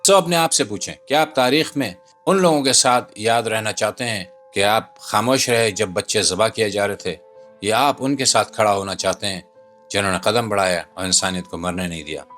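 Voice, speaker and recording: Backed by music, a male narrator gives emphatic, rhetorical, dramatic political commentary from a script for a video. He speaks on the low side at normal speed, his tone a bit bright.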